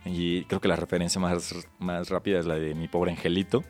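A man with a low-pitched Mexican voice co-hosts a film podcast. He explains things in an informal, slangy style, talking as he would to a friend. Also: little pitch movement, a little fast, a little mellow, faint music behind. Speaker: podcast co-host. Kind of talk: casual chat about films.

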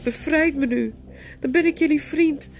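A woman voicing an enchanted young male knight who begs and pleads, breaking into frantic shouts. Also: a little high, animated, unhurried, soft background music, voice pushed up. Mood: raging.

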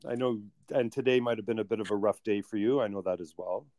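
A podcast host, a man, telling a personal story in a halting, emotional way, full of restarts. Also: on the low side, warm tone, no echo.

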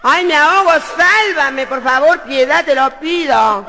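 A man putting on a shrill, wailing voice for a drowning man begging for rescue, in a stand-up joke. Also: measured pace. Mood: pleading panic. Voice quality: high-pitched, wailing.

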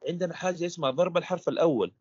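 A man's voice: fairly high pitch, racing, darkish tone, slightly rough, no echo, dull audio. A man, a stuttering coach guesting on an interview podcast, explaining in a teacherly way with repeated rhetorical questions.

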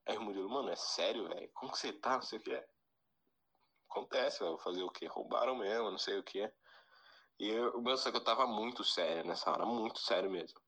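A man's voice: lowish voice, a little fast, breathy edge, poor audio. Slangy teen guy telling a prank story. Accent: Brazilian Portuguese. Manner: slangy, animated when quoting. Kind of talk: casual storytelling.

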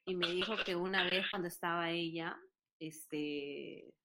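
A woman's voice: lowish voice, steady tone, a little slow, noisy background. A Peruvian woman telling stories in a casual chat, earnest and full of fillers. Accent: Peruvian Spanish. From Peru. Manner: hesitant, many fillers, earnest storytelling.

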